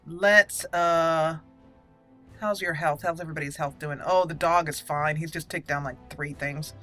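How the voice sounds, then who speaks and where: Faint game music backs a gameplay channel host as she plays a roleplay game, giggling theatrically and shifting between commentary and in-character dialogue. Her voice is low-pitched, bright, and forceful, with fairly even intonation at a normal speed.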